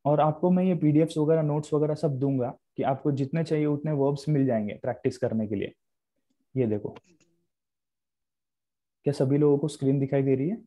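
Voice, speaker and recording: Young man, online grammar teacher, Hindi mixed with English, repetitive explaining, fairly high voice, dull lo-fi sound. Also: a little fast, long pauses, mellow. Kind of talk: live online lecture.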